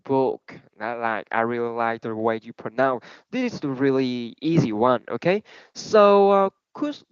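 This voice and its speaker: A man teaching an online English class, mixing Vietnamese and English with lots of "um" and "uh". His voice sits at an ordinary pitch. The recording is dull and lo-fi. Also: a little slow, smooth. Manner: mixes Vietnamese and English, many fillers.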